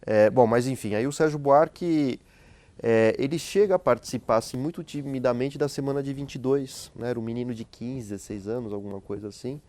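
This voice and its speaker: Speaking as a guest sociologist and professor, this man gives a relaxed, chatty explanation, constantly adding tag questions and hesitantly restarting his sentences. His mid-range voice moves fairly quickly and sounds a little mellow, with a dry, close recording and no room sound.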